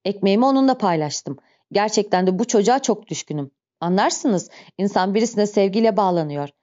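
A woman's voice: medium pitch, lively intonation, brisk, dark tone, lightly acted. A woman reading an audiobook speaks the part of a sly male innkeeper who feigns fond, earnest feelings in her own voice. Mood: falsely earnest. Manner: smooth, falsely earnest. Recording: dull lo-fi recording.

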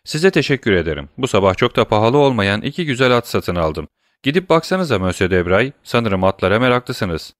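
Soğukkanlı, entrikacı, ironik bir kont; bir erkek okuyucu canlandırıyor, pes ve kuru ses. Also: male voice, lowish voice, sing-song, fairly quick, no room sound, studio quality. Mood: polite. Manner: smooth, ironic, self-assured. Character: cool scheming worldly count, man.

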